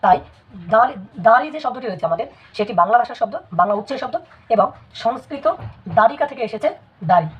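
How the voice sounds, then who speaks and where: Husky woman, brisk spelling teacher, muffled lo-fi mic. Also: on the high side, lively intonation. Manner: measured, repeats words for emphasis. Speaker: language teacher. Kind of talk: spelling lesson. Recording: dull lo-fi recording.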